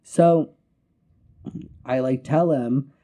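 Male podcast host, dark voice, animated, swearing through an angry anecdote. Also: mid-range voice, extremely slow. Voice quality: profane, heated storytelling. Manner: recounts quotes with emphasis. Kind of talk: casual storytelling.

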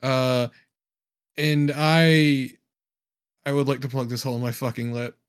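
A man's voice: medium pitch, fairly even intonation, a little slow, clear, resonant tone. A man co-hosting a casual podcast, dropping wry, profane quips. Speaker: podcast co-host. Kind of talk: casual chat.

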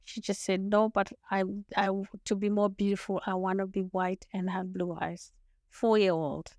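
In a reflective podcast interview, a lawyer from Zimbabwe whose first language is Shona recounts her story earnestly and thoughtfully, restarting often and laughing a little. Her delivery is flat at a normal speed, medium in pitch with a darkish tone. The audio is dry and of studio quality.

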